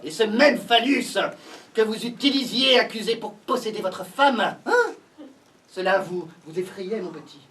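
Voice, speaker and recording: A woman's voice: medium pitch, a little slow, a bit bright, close to an everyday voice. An actress playing a flustered, exasperated woman judge presiding over a trial in a stage comedy, repeating her orders sternly. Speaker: court president. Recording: distant stage mic with audience laughter.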